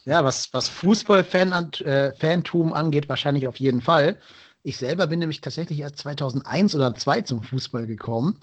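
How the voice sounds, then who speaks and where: A man's voice: a little high, normal speed. A man hosting a podcast in a conversational style, introducing and questioning his guest. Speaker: podcast host.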